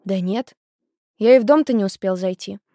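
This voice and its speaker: Calm, explaining teenage boy, read by a woman, plain pitch, dry close sound. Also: normal speed, no room sound, natural voice. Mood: friendly. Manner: matter-of-fact, explaining. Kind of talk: audiobook character voice.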